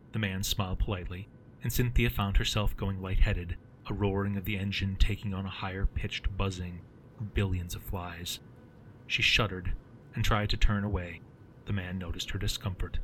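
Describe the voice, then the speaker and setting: A man narrating his own story in a steady, measured reading. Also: deep voice, a little hiss or hum, rough recording. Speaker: author and narrator.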